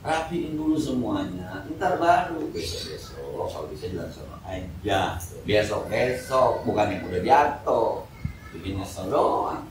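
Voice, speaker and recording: A man's voice: on the low side, animated, a little slow, background noise. A middle-aged man with a Betawi Jakarta accent gives a joking, slangy sermon, acting out everyday scenes. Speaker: preacher. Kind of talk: mosque study-circle sermon. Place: mosque hall. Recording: echoey hall, mic from far off.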